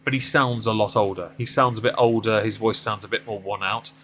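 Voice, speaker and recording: Over a little hiss or hum, a deep-voiced man in his mid-thirties talks a bit quickly with fairly even intonation and a fairly bright tone. He's streaming a driving game, chatting casually and self-deprecatingly in a rambling way.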